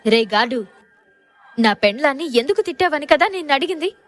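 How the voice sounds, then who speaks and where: Woman doing a ruthless gangster boss man for an audio story, barking threats in a raised, pushed-up voice that sits higher than her narration, with faint music under it. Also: normal speed, close to an everyday voice. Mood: menacing. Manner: menacing, shouting and mocking.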